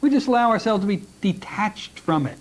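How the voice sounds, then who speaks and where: A middle-aged man teaching a hypnosis class, relaxed and joking, with frequent restarts as he talks to the room. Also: high voice, a little fast. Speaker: hypnosis instructor. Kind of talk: classroom lecture with demonstrations.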